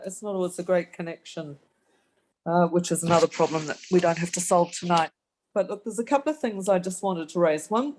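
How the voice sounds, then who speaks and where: A woman from New Zealand, her accent slight, joins a community meeting by video call and directly grills officials with pointed follow-ups. She has a low, somewhat mellow voice.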